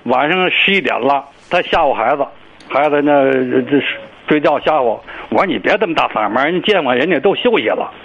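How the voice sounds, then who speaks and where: Gravelly older Tianjin man calling in. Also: a little high, animated, fairly bright tone. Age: 60s. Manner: halting, stammering complaint. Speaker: caller. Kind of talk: phone-in call. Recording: dull lo-fi call line.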